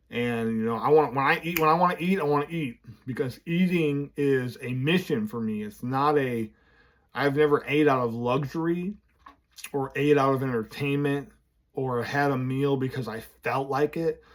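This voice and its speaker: A man speaks straight to the camera from his office, talking casually and candidly in a loose, rambling way. New braces slur his speech, blurring his esses and th sounds. His voice is pitched in an ordinary male middle range. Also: unhurried. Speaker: vlogger running a business. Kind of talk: casual vlog talk to camera.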